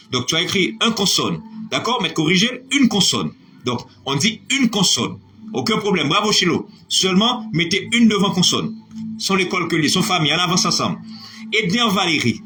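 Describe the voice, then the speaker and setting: Lively high-voiced male teacher spelling aloud. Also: moderate pace. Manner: spells words letter by letter, praising students. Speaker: online French teacher. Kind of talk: live online spelling lesson.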